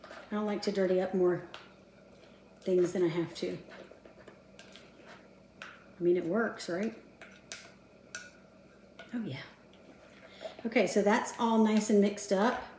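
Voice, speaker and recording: A home cooking vlogger in her fifties chats to the camera through a recipe, joking at her own expense and talking to herself as she works. Her mid-range, darkish, steady voice goes slowly with frequent pauses, carrying through a roomy, echoing kitchen from a camera across the counter. Dishes and utensils clink faintly, adding slight background noise.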